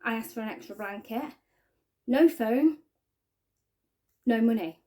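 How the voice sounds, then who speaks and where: A woman giving a halting, earnest personal testimony to camera, often trailing off quietly. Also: on the high side. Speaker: spiking victim sharing her story.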